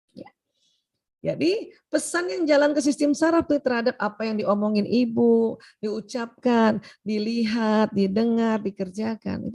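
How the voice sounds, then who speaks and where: A middle-aged woman with a slightly high voice gives an informal health talk to an audience of mothers. She talks in a chatty, friendly way, keeps tagging her sentences with "ya", and speaks to her listeners directly. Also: gravelly, darkish tone. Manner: chatty, addresses the audience as "Bu", often adds "ya".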